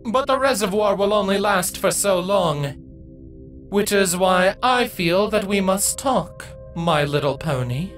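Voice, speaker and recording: A regal female changeling queen speaks with measured, courteous poise, as a male narrator raises his voice to play her. Her lines sit well above his plain narrating voice, with a faint bed of music behind. The tone is stately and composed, every word unhurried. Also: high voice, animated, a bit bright, pitched above the performer's own voice.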